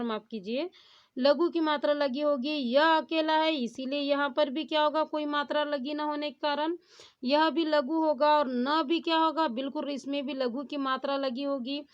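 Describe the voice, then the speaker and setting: A woman teaching a Hindi grammar lesson on poetic meter. She keeps asking rhetorical questions and then answers them herself. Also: high-pitched. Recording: dull lo-fi sound.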